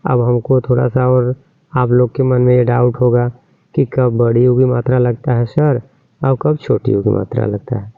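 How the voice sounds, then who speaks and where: A man's voice: mid-range voice, little pitch movement, moderate pace, creaky, no echo. A man teaching children to spell names, drawing out each syllable and often checking that they understood. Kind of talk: slow, spelled-out lesson. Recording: tinny phone-like sound.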